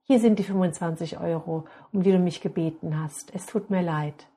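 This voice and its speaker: A woman reading out a hardworking father who scolds his son loudly. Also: fairly low pitch, moderate pace. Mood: soft apologetic. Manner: loud, scolding outbursts. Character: angry hardworking father, later remorseful.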